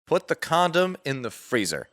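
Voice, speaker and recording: A man's voice: a little high, sing-song, normal speed, a bit bright. A man working as a podcast producer, chipping in with matter-of-fact explanations and corrections in casual chat.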